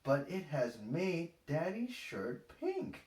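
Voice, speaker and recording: Man voicing gentle, lilting Mummy Pig. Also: fairly high pitch, huge pitch swings, slow, far from the mic, pitched above the performer's own voice, heavily acted. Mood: reassuring. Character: gentle, reassuring mother pig. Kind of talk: children's storybook character voice. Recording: echoey, roomy sound.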